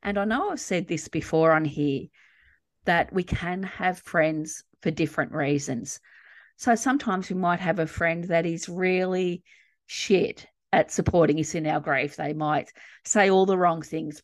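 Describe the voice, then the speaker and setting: On a casual podcast about grief, a female co-host talks earnestly and thoughtfully about friendship and loss. She has a low voice and an unhurried delivery, and the studio-quality audio has no echo.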